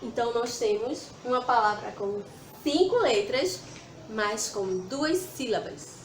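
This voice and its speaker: A woman's voice: a little high, lively intonation, slow pace, slight background noise. A woman teacher giving a children's lesson, patient, sounding words out syllable by syllable. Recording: echoey room with faint ambience.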